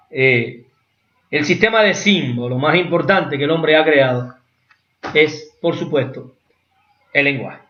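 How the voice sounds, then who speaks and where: A man lectures in an explanatory way, often checking in with his listeners. His voice sits fairly high. The recording is roomy and somewhat muffled. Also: a bit bright. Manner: explanatory, with rhetorical asides and acted examples. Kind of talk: academic lecture. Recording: echoey room, dull lo-fi sound.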